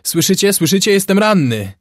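A man's voice: high voice, very animated, moderate pace, no echo, clean studio sound, voice pushed up. A man voicing a wounded sailor who cries out shrilly in pain. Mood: panicked. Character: panicked wounded male sailor.

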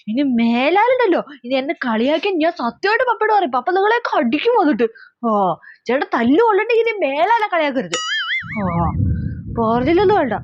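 Woman doing a spoiled daddy's-girl bride, high-pitched, sulky, slightly dull recording. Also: no echo. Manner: petulant, keeps threatening to tell her father. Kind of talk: comedy skit acting.

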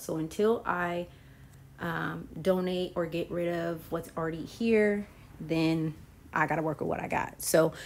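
A chatty woman in her thirties talks casually to her viewers and calls them y'all. Her voice sits fairly low. She films herself at arm's length around her house, with faint noise behind. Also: creaky, a little mellow. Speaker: lifestyle vlogger. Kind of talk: casual vlog chat to camera. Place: home kitchen and garage, indoors. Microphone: camera held at arm's length.

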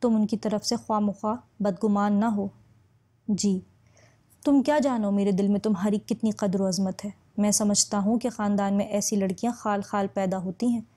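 A woman reading an earnest young man in a storybook, speaking calmly and reassuringly. The voice is warm and mellow, with no real change from the reader's own. It sounds like a steady audiobook reading. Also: medium pitch, normal speed, close to an everyday voice.

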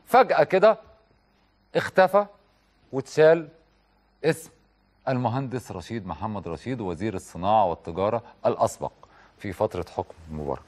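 A man's voice: lowish voice, lively intonation, a little fast, long pauses. A man with an Egyptian accent hosting a TV talk show, delivering an impassioned studio monologue full of rhetorical questions and direct appeals.

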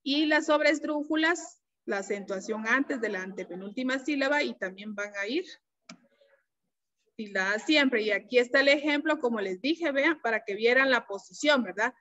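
High-voiced woman teacher on a video call. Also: a bit bright. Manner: slow, patient explaining with frequent checks. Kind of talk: online class lesson. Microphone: computer mic on a video call. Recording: dull, lo-fi video-call audio.

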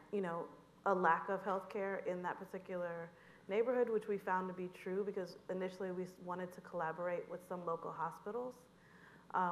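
A woman curator explains a past project on stage in a low, fairly flat voice, filling gaps with "you know". The sound is echoey from the auditorium, with a little noise beneath it. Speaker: curator and moderator. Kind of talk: onstage conversation.

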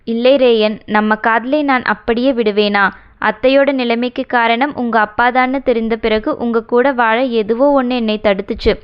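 Pleading young wife, woman reading her, audiobook, smooth tone, dull lo-fi sound. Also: on the high side, steady tone, moderate pace, lightly acted. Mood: earnest. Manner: emotional pleading dialogue.

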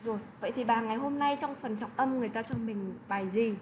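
A woman's voice: on the high side, fast talker, a little mellow, slight background noise. A woman teaching an English lesson to children, who keeps checking in with little tag questions. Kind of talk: online lesson explanation.

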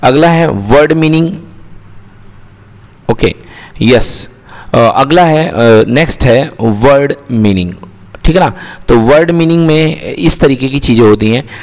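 In a long-reverb recording, a man teaches English using Hindi mixed with English. He speaks at a measured pace with frequent pauses, in a medium-pitched, darkish voice. He keeps asking questions, answers them himself, and calls the listeners beta.

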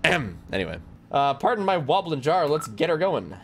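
A man's voice: on the high side, sing-song, a little fast, creaky. A man streaming a video game, commenting casually, joking with chat and laughing often.

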